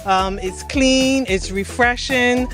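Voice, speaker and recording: A woman's voice: on the high side, takes it slowly, fairly bright tone, faint music behind. Enthusiastic woman. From Barbados. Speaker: visiting delegate. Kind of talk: interview comments.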